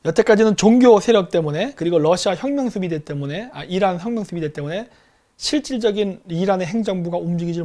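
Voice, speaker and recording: Guy with a high voice riffing on world politics, lively, does little voices for countries. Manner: animated, acts out countries as quarrelling people. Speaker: political commentator. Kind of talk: casual geopolitical commentary.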